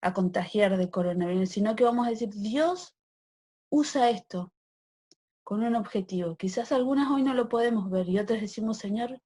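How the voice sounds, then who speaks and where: A woman's voice: medium pitch, normal speed, warm tone, husky. A pregnant woman in her forties with a Rioplatense Spanish accent, teaching the Bible to a women's church meeting in a conversational way and checking in with her listeners. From Argentina. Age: 40s. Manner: asks the listeners for agreement with a rising sí; acts out prayers and quoted complaints in changed voices.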